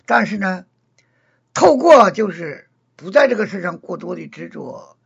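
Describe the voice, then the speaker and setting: High, gravelly man with a husky voice. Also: very animated, a little slow, muffled recording. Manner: earnest, repeats and rephrases points. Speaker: Buddhist discussion leader. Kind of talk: casual dharma discussion.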